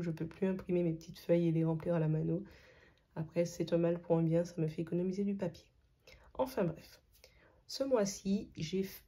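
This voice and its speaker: Martinican woman vlogging her budget, kinda breathy low voice, lots of euh. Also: mellow. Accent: Martinican French. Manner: chatty, thinks aloud with frequent "euh" fillers. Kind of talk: casual chat to camera.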